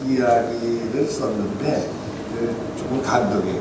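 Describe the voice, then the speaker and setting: A man's voice: mid-range voice, a little slow, background noise. Older man telling stories in an echoey hall. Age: 70s. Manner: animated anecdotes, acts out quoted dialogue. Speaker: author and guest speaker. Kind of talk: storytelling at a book talk. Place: event hall. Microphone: room recording from the audience. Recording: echoey hall recorded from far off.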